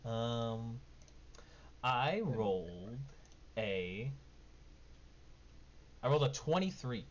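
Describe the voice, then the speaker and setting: A man's voice: medium pitch, expressive, extremely slow. A man narrating as game master of a tabletop game, in a casual, informal way. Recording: dull lo-fi mic, background noise.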